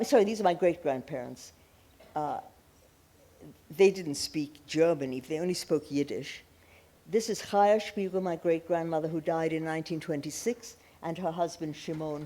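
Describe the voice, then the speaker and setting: An older woman, born in Pakistan, giving an illustrated talk on a festival stage, telling her family story in a warm, personal way with small restarts. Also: deep voice. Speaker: festival panel speaker. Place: large auditorium stage.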